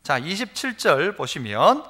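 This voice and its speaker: A male pastor delivers an emphatic sermon in a high, bright voice. His pitch swings widely as he leads the congregation to repeat phrases and tells homely stories. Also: big pitch swings, a little slow. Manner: storytelling with homely examples. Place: church service.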